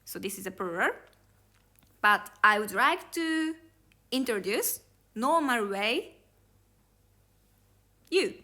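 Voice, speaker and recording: A woman teaching a language lesson, explaining grammar slowly and carefully. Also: fairly high pitch, lively intonation, sharp tone.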